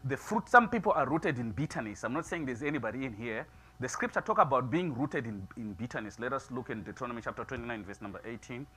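A middle-aged man preaching a sermon in a small church, moving from quiet musing to loud, emphatic preaching. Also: medium pitch, expressive, fast, husky. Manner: builds from soft musing to loud preaching, gestures widely. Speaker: pastor. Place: small church sanctuary, seated before altar flowers.

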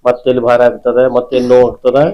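A man's voice: mid-range voice, monotone, very fast, highs cut off. A man, a spirit healer who keeps repeating short, insistent questions and commands. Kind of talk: ritual interrogation.

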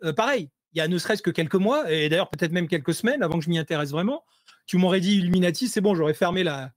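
Here a fast-talking guest with a high voice analyzes things conversationally over a video call, recorded dry and close without any room around him. Hesitant at first, full of fillers and false starts, he builds into forceful, animated emphasis whenever he makes a point.

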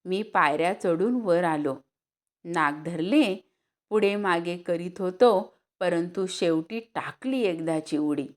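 A woman reading a story aloud as narrator, lifting her voice for the characters' lines. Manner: unhurried, acts out dialogue with raised pitch.

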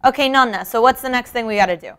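A young adult woman hosts a cooking show in a home-style indoor kitchen, explaining each step conversationally and directly to the viewer. Her voice is fairly high, fast, fairly bright and smooth.

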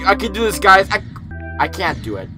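Excitable young male gamer inside a closet. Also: high voice, a little fast. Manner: exasperated, excitable outbursts. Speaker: gaming video host. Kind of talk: casual gameplay commentary. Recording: inside a closet, music behind. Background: game music.

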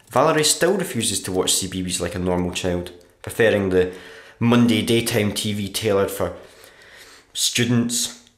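This radio play monologue features a male actor, low in pitch, playing a tired writer who is barely getting by, his diary entries delivered with a dry, morbid deadpan and only light acting. The space sounds roomy, with a clear echo.

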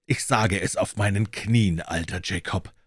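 Male reader doing an old miser, elated, breathless exclamations; low, husky. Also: a little slow, no echo. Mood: fervent.

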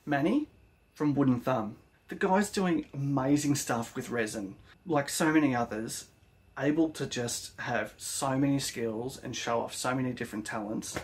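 Brief: Aussie bloke vlogging about his workshop, mid-pitched, keen and matey. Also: moderate pace. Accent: Australian. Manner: enthusiastic, slangy praise for fellow makers. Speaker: woodworking vlogger. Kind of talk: casual vlog narration.

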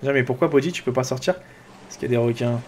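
Excitable French man narrating his gameplay. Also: mid-range voice, fast talker, a little hiss or hum. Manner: chatty and excitable, talks to viewers and to his character. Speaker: gaming YouTuber. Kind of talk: let's play commentary.

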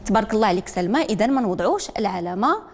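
A woman with a Moroccan accent teaching a literacy lesson, repeating each word slowly and calling on learners one by one. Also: medium pitch, big pitch swings, big-room sound. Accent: Moroccan Arabic. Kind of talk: broadcast classroom lesson.

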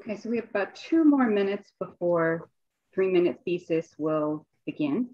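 A woman's voice: on the low side, animated, moderate pace, no room sound, lo-fi sound. A woman and assistant dean hosting an online event in a chatty way, with fillers and restarts, over a video call.

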